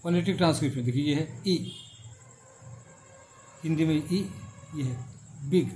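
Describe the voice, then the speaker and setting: A middle-aged male teacher explains slowly, saying each example word several times. His voice sits a little high and he takes his time over every point. Faint noise hums behind him. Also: dark tone. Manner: slow, repetitive, drawn-out explanations. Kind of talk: classroom lecture on phonetics.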